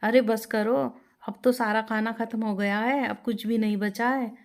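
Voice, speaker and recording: A woman's voice: fairly high pitch, fairly even intonation, normal speed, natural voice. A woman voicing a poor young husband who runs a small eatery, coaxing at first and then fed up with his wife. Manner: pleading, then scolding and fed up.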